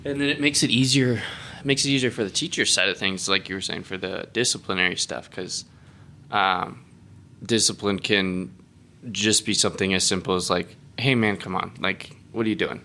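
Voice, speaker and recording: A man's voice: low voice, moderate pace, sharp tone, a little hiss or hum. A young adult man, a podcast guest, chatting casually in an easygoing, agreeable way. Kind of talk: casual chat.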